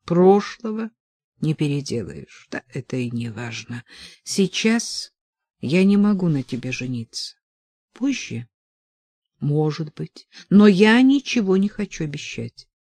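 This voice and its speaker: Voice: medium pitch, very animated, measured pace, a little mellow, dry recording. A reader voicing a commanding, wealthy man who reasons insistently with his lover, in audiobook dialogue.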